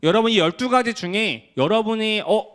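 Lively high-voiced young male pastor. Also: fairly quick. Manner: conversational, acts out quoted voices of teens. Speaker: youth pastor. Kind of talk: casual youth sermon.

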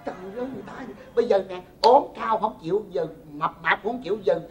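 A man's voice: high voice, fast, lo-fi sound, soft background music, lightly acted. A man playing a grown son who teases and argues with his picky mother in a comic sketch. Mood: exasperated. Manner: teasing, exasperated, questioning.

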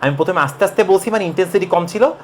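A man's voice: high voice, racing, slight background noise. A young man teaching a casual physics lesson, joking and talking straight to the viewers. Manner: lively, jokey, talks to viewers as you. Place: classroom recording.

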